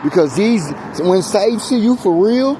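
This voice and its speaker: A man's voice: high voice, animated, normal speed, mellow, low-quality recording. An exasperated American man venting and preaching in casual, emphatic, repetitive talk as he walks along. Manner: speaks while walking. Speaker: vlogger. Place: outdoors on a street. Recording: street noise, handheld outdoor recording.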